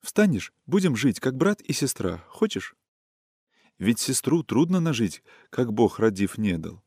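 A man reading a storybook voices a gentle, wistful young woman who speaks in soft, caressing, sing-song folk speech. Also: medium pitch, big pitch swings, a little slow, breathy edge, dry recording, clean studio sound, exaggerated voice. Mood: tender.

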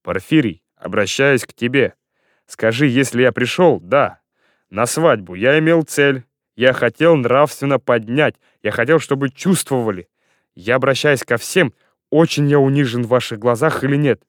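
A man's voice: medium pitch, normal speed, no echo, studio quality, natural voice. A man reading aloud, voicing a drunk, self-pitying elderly general who rambles and pleads. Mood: tearful.

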